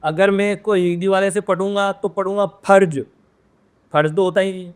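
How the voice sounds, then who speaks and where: Man teaching grammar, repeating words slowly. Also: high voice, fairly even intonation, clear, resonant tone. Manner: addresses viewers directly with frequent "है ना?". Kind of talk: classroom-style grammar lesson.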